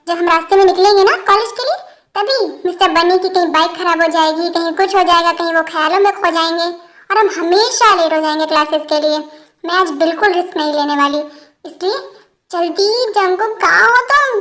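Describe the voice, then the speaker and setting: A woman voicing a bubbly, bossy young female college student who talks loudly and teases playfully. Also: extremely high pitch, brisk, pitched above the performer's own voice. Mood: cheerful. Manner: teasing, loud, playful.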